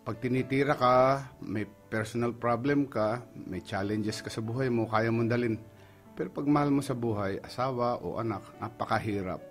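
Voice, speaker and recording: Earnest Filipino pastor, soft music behind. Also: male voice, mid-range voice, normal speed. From Philippines. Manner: earnest, mixes Tagalog and English. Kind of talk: emotional testimony on a radio program.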